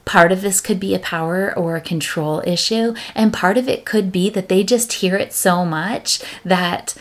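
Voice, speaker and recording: A woman hosting a parenting podcast as a parent coach, talking casually and upbeat, acting out quick quotes of parents and kids. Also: lowish voice.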